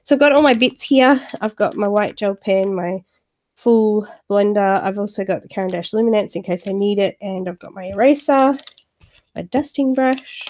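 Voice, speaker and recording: Her mid-range voice moves at normal speed with a slightly mellow quality, and there's a bit of background noise. This woman runs a YouTube coloring channel and is chatting warmly with viewers on a live stream, sounding a little nasal from a cold and filling her talk with fillers.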